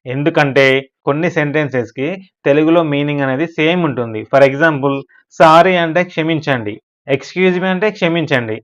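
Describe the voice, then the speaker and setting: A man's voice: fairly high pitch, normal speed, dull audio. A man with a Telugu accent teaching spoken English, reading each short phrase twice with its translation. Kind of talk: slow spoken-English lesson.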